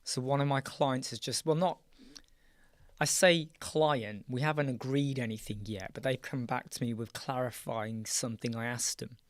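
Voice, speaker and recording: This croaky British host chats casually with his live-stream viewers, greeting them by name and clearing his throat as he goes. His mid-range voice holds a steady tone at a normal speed, though he often trails off and starts again. He's recording dry, in a small dark room fitted with soundproof panels.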